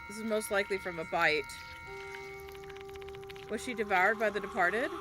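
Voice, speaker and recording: A woman playing a game and commenting as she goes, reading game text aloud in an expressive, reactive way with casual swearing. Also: mid-range voice, normal speed, music in the background. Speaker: game streamer. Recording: clearly noisy background.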